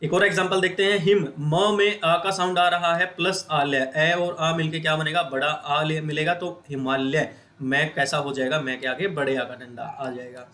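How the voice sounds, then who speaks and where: A man's voice: a little high, fairly even intonation, moderate pace, hardly any pauses, pushed and bright. A man with a Hindi accent teaching a grammar lesson, asking the viewers questions and answering them himself. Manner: repetitive question-and-answer explaining, addresses viewers as friends.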